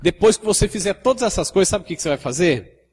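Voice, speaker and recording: Brazilian man, pastor, husky and a touch high, chatty sermon delivery, reverberant church hall. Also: lively intonation, quick pace, darkish tone. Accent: Brazilian Portuguese. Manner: conversational preaching, often asks the congregation "né?".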